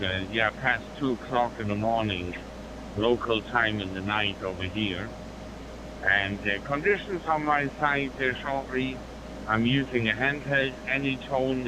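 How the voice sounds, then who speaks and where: A man from northwest Germany with a German accent making amateur radio contact, hesitantly phrasing and spelling out call signs over a two-way radio. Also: mid-range voice. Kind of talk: ham radio contact chat. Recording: noisy digital handheld radio transmission.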